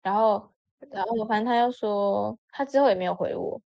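A woman telling a story in a casual chat with lots of expression, jumping up in pitch when she voices her friends. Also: normal speed, gravelly. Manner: animated, acts out friends' lines with sudden pitch jumps. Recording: dull lo-fi audio.

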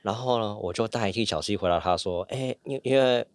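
Male podcast guest; self-mocking storyteller, rapid delivery, dry close mic. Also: on the low side, no room sound. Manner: chatty, self-mocking anecdotes. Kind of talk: casual podcast chat.

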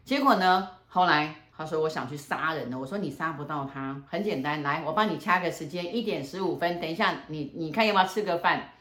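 A woman fortune teller telling a story in casual chat, acting out both sides of the dialogue in a lively way. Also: low-pitched, brisk, hardly any pauses. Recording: roomy echo.

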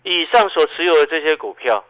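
A man with a Taiwanese Mandarin accent giving radio stock market commentary, animated and full of rhetorical questions to the listener. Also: on the high side, fairly quick, clean tone, rough recording.

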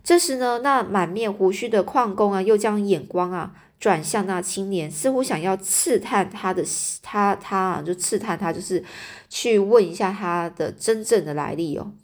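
A woman telling a story aloud in a chatty, halting way, stopping to explain words. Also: mid-range voice.

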